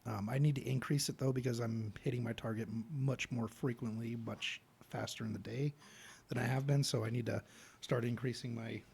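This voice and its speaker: A man's voice: medium pitch, steady tone, a little fast, creaky, a little mellow, husky. A middle-aged father chatting casually with his daughter as co-host, earnest and rambling, with frequent restarts. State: hiccups. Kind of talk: casual chat.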